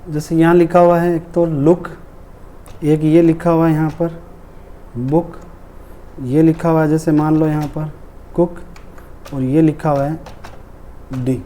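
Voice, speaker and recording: A man teaching an exam-prep lesson with a very dark, mellow tone that sits a little high for a male voice. He walks through each answer patiently and repeats words so students catch them. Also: level tone, a little slow, long pauses, a little hiss or hum. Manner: explains step by step, repeats words for emphasis. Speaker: English teacher. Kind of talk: classroom lesson explaining a test paper.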